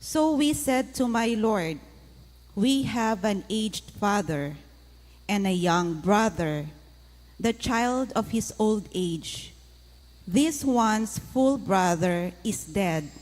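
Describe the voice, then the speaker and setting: Unhurried female lector, long church echo. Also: medium pitch, animated, a little mellow. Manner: deliberate, clearly separated phrases. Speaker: lector reading scripture at Mass. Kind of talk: formal scripture reading. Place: large church interior.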